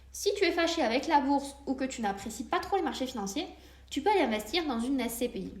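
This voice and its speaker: A woman's voice: a little high, roomy sound. A woman hosting a solo podcast, explaining investments step by step and speaking directly to the listener in a friendly way. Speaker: podcast host.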